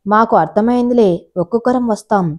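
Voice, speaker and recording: A woman's voice: fairly high pitch, a little fast, close to an everyday voice. A woman voicing a group of eager, impatient young men in a storybook reading, talking in a pushy way.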